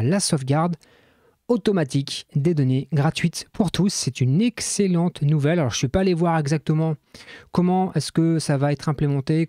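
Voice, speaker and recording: A man's voice: fairly high pitch, dark tone, no echo, clean studio sound. A man presenting a weekly web development news roundup in a casual, chatty way, with frequent hesitations and fillers.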